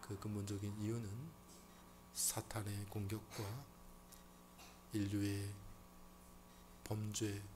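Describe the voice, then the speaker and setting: A male pastor preaching a Sunday sermon, asking rhetorical questions and swinging from loud exclamations to hushed, slow emphasis. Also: on the low side, monotone, background noise.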